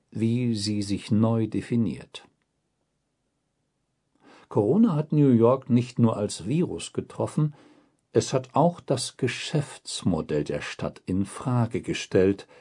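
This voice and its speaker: A man reading a scripted documentary voice-over in a measured, deliberate reporting tone. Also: medium pitch, warm tone, husky. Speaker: documentary narrator.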